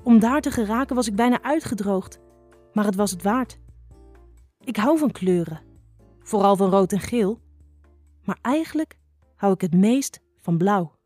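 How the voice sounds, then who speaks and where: A woman's voice: medium pitch, expressive, unhurried, long pauses, darkish tone, dry recording, faint music behind. A woman voicing a young orphaned girl snake who is shy, chatty and artless, in a storybook reading. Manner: gushing, artless.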